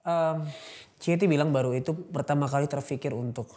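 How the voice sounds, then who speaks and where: A woman's voice: deep voice, fairly quick, mellow. A woman hosting a talk show, steering the interview with short, encouraging prompts.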